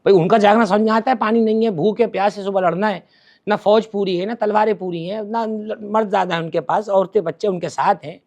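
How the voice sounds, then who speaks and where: A male religious scholar with a fairly high voice tells a story with real emotional pull. He shifts from forceful stretches to near-hushed passages and repeats words to drive his points home. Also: steady tone. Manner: dramatic, swings between forceful and hushed. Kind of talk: emotive storytelling in a podcast interview.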